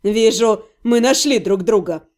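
Brief: woman reading a cruel, boastful young necromancer man for an audiobook, voice pushed low and dark, menacing drawl. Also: a little slow, natural voice.

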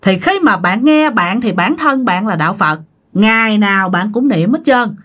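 A woman tells a ghost story as if chatting with friends. Her pitch swings lively up and down, and she leans on fillers as she talks. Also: normal speed. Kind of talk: casual spoken ghost story.

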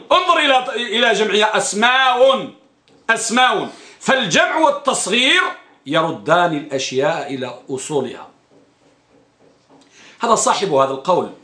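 High-voiced man teaching in an echoey room. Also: pushed and bright. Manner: asks the class questions and answers them himself; repeats key phrases for emphasis. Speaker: Islamic studies teacher. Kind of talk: classroom lecture on a hadith text.

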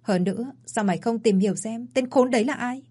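A woman's voice: fairly high pitch, brisk, mellow, husky, voice pushed up. Woman doing a blunt young girlfriend, scolding but loyal, audio story.

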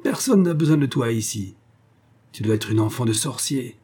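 A man voicing a furious, miserly old male farmer who shouts and stammers with rage. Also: on the low side, level tone, fairly quick, close to an everyday voice.

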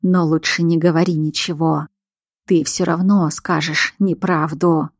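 Brief: female narrator doing a calm, controlling male werewolf alpha, slow and low-pitched. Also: no echo, clean studio sound. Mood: controlled.

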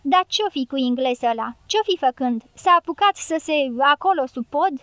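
Bossy, cursing guerrilla matriarch for an audiobook, high and dry, read by a woman narrator. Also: lively intonation, a bit bright, no echo. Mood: furious. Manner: commanding, swearing. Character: fierce foul-mouthed middle-aged female guerrilla leader. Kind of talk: audiobook character reading.

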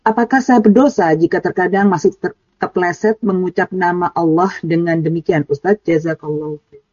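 A man's voice: high voice, fairly quick, darkish tone, no room sound. Polite man reading out questions. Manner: polite, formal courtesies. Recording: dull muffled dry recording.

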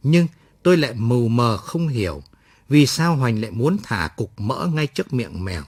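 A man reading a story aloud at night with measured, expressive storytelling. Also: mid-range voice, slightly rough, no echo. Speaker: story narrator.

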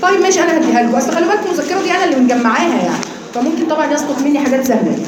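A woman with an Egyptian Arabic accent teaching a live class, explaining quickly and quizzing her students. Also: high voice, lively intonation, crowd noise. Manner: explains then demonstrates sounds slowly, quizzing students. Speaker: Quran recitation teacher. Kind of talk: live class lecture on tajweed. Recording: very echoey room with people around.

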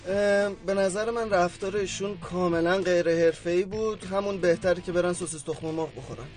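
A man's voice: high-pitched, steady tone, a little mellow, soft background music. A man playing a judge in a radio sketch, teasing and quizzical.

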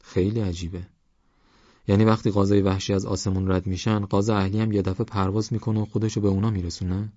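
A man's voice: on the low side, flat delivery, mellow, no echo, close to an everyday voice. A man voicing a shy, curious young man who asks questions. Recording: dull lo-fi audiobook with faint music.

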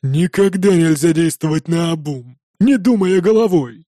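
A man's voice: on the high side, lively intonation, measured pace, dark tone, no echo, clean studio sound. A man voicing a hot-tempered, sarcastic male viking rower in an audiobook, sneering and hammering every word. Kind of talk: audiobook character voice.

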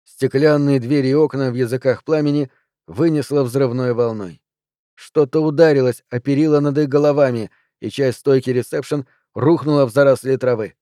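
Reading scripted audiobook narration, this male narrator keeps a steady, measured delivery at a medium pitch. The sound is dry and studio-clean.

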